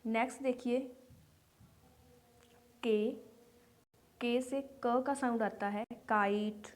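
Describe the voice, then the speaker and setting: A woman's voice: on the high side, fairly even intonation, takes it slowly. A woman teaching English letter sounds, speaking patiently and repeating each example word. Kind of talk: slow phonics lesson for beginners.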